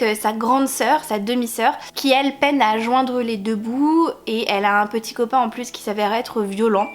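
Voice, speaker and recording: A woman chatting casually about books she bought, hesitating often and laughing now and then. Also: on the high side. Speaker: book vlogger. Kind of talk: casual book haul chat.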